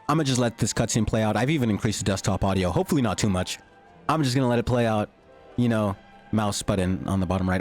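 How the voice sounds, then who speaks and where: Young dude yapping over his game, lowish voice kinda worn out, super hyped, little bit of game music behind. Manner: hyped, slangy, swings between joking and shouting. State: voice starting to go. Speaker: gaming YouTuber. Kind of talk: excited gameplay commentary. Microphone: desktop mic, peaking.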